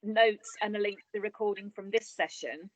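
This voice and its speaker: A woman's voice: mid-range voice, moderate pace, dull audio. A woman business coach on a video call, giving chatty, encouraging, practical advice.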